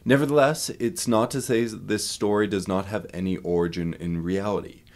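A man's voice: fairly low pitch, fairly even intonation, moderate pace. A man narrating a local folk legend in a storytelling way, swelling for the big moments and dropping in punchy asides. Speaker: museum staff member telling local lore.

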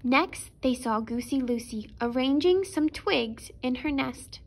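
High-pitched woman reading to preschoolers. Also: expressive, unhurried. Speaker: storyteller for preschoolers. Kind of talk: expressive children's read-aloud narration.

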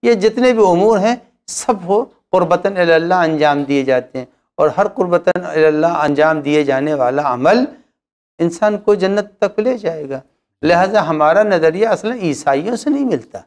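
A man's voice: fairly high pitch, moderate pace, a little mellow. A man, an Islamic cleric, answering religious questions with emphatic rhetorical questions.

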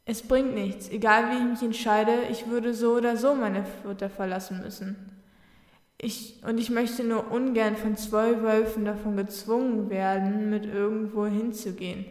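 A woman's voice: on the high side, animated, normal speed, no room sound, studio quality, close to an everyday voice. A woman voicing a curious, stubborn young schoolgirl who speaks earnestly and pleads.

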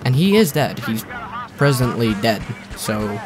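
A man's voice: mid-range voice, sing-song, unhurried, music in the background. A young man giving casual, joking, rambling commentary over his own gameplay, often sarcastic. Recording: faint gunfire and game noise behind.

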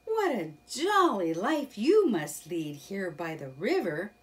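A woman voicing a timid, wide-eyed young male mole in a children's storybook reading, with a high squealing character voice. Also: sing-song, slow, far from the mic. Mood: wide-eyed, eager.

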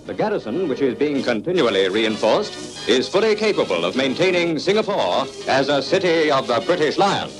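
A man's voice: medium pitch, very animated, normal speed, low-quality recording. A man announcing in an old wartime newsreel, in a rousing, declamatory propaganda style. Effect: old newsreel narration. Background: loud music.

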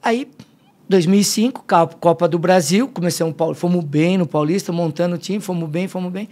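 A fitness coach from Limeira, Brazil, in São Paulo state, talks fairly quickly in a slightly high voice. The middle-aged man is guesting on a podcast for a casual storytelling interview, animatedly performing the dialogue in his anecdotes.

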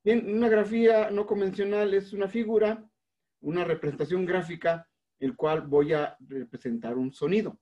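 A male music teacher with a Mexican accent, patiently explaining a lesson step by step to his students and filling his pauses with "este". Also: high voice, steady tone, highs cut off. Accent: Mexican Spanish. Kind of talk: recorded online class.

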